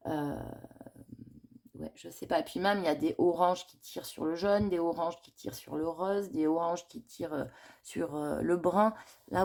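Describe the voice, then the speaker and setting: A woman's voice: lowish voice, dark tone. A woman chatting casually in a coloring vlog, thinking aloud in a rambling, confiding way and admitting her worries. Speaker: coloring vlogger.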